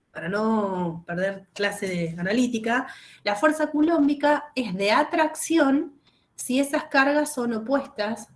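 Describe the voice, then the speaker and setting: A woman teaching a chemistry lesson over a video call, explaining step by step and checking often that students follow. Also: a little high. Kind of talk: online class lecture.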